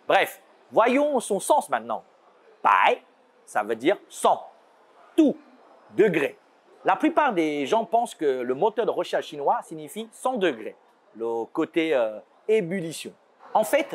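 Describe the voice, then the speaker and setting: Lively man. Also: on the high side, husky. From China. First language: Chinese. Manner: lively explaining with playful asides. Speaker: show host. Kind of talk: scripted educational presentation.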